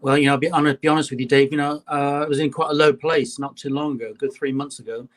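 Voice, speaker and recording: A man's voice: a little high, level tone, fast. A man, a guest chatting on a call, leaning on "you know" and frequent "uh". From England. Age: 50s. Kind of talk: casual interview on a call.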